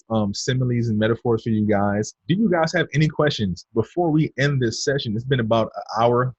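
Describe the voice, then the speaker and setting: A man's voice: lowish voice, slightly rough, no echo, lo-fi sound. A man teaching trading on a screen share in a casual, chatty way, talking to his viewers and muttering to himself as he draws. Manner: chatty, addresses viewers as "you guys", talks to himself while drawing. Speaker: trading instructor.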